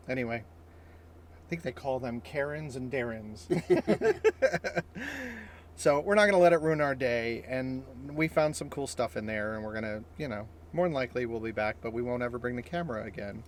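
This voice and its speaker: A man's voice: medium pitch, slight background noise. A man chatting casually to the camera as a vlogger, upbeat and explanatory, recorded in a car and in a store. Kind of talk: casual vlog chat.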